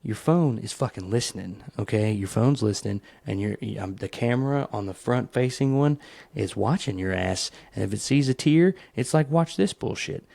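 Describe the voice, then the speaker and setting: A man's voice: normal speed, vocal fry, no echo. A man hosting his own solo podcast, ranting in a rambling, profane, comic way and telling stories with animation. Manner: animated storytelling, leaps into higher voices for quotes. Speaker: podcast host.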